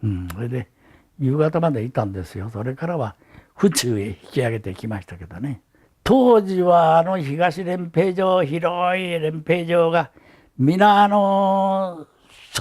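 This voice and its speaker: An elderly man with a Hiroshima accent gives oral testimony as a survivor, telling his memories in a halting, reflective way. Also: a little high, expressive, creaky, darkish tone. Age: elderly, 80s or older. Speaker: atomic bomb survivor giving testimony. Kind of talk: recorded oral testimony, reminiscing.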